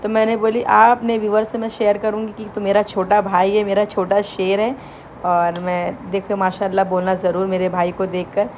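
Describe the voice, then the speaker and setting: A woman's voice: medium pitch, a little mellow, slight background noise. A young woman chatting to viewers in a casual home vlog, recorded indoors. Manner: chatty, addresses viewers directly. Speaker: vlogger.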